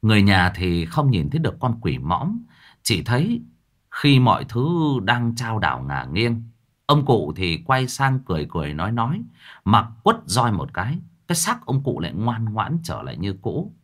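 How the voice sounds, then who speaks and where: A man narrating a ghost story in a dramatic, expressive way. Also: on the low side, normal speed.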